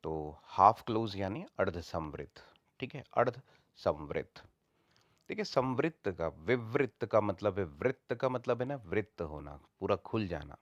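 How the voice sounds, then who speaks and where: A man's voice: low-pitched, lively intonation, a little slow, no room sound, highs cut off. A man teaching a lesson, patiently repeating each point in several ways. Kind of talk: explanatory lesson.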